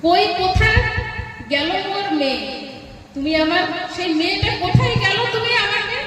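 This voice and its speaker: A man's voice: very high voice, lively intonation, moderate pace, pushed and bright, pitched above the performer's own voice, full character voice. A woman voicing a grieving, imploring old father. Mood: pleading. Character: grieving devoted older father, pleading. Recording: echoey hall, far from mic.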